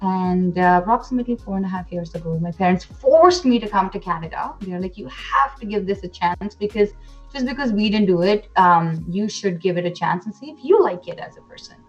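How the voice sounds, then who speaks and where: Lively and fairly quick in her mid-range voice, this Indian-raised pageant titleholder in her twenties gushes through a casual interview, often using fillers and starting over. The sound is lo-fi, with faint music behind her.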